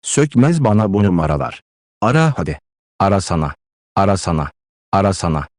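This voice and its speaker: A man's voice: low voice, sing-song, a little fast, darkish tone, no room sound, pitched below the performer's own voice. A man voicing a distraught, consumptive widowed mother who pleads and scolds with emotional declamation, in a dry close-miked audiobook read. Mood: defiant.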